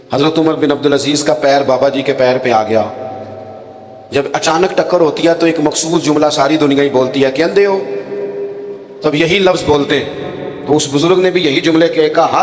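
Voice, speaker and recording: A man delivers a sermon and brings in acted quotes as he tells stories. His voice sits somewhat high. It carries a long echo, as if recorded in a large hall. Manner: storytelling with dramatic acted quotes. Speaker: preacher. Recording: echoey hall with long reverb.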